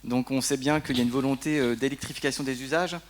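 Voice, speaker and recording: A man's voice: mid-range voice, steady tone, fast, a little hiss or hum. A man, a deputy director, explaining energy policy on a conference panel, tagging his sentences with "hein". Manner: explanatory, frequent tag "hein", some fillers. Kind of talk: conference round-table presentation. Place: conference hall.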